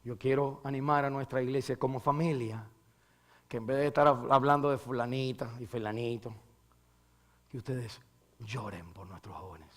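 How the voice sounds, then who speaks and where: A man's voice: mid-range voice, normal speed. A male pastor preaching a sermon and leading a closing prayer, impassioned, swinging from a raised voice down to a near whisper and dropping English words into Spanish.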